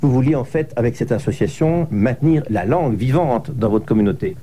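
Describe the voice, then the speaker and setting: A man conducting an interview, asking measured, leading questions. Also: mid-range voice, expressive, dark tone, a little hiss or hum.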